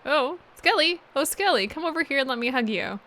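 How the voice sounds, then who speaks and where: A woman's voice: high-pitched, expressive, a little fast, sharp tone, pitched above the performer's own voice, full character voice. A woman putting on a doting old granny. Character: doting old grandmother, tender and emotional.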